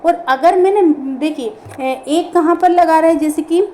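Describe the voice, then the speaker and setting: High-voiced woman teaching grammar. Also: measured pace, darkish tone, slight background noise. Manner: explains step by step, asks and answers her own questions. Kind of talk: online grammar lesson.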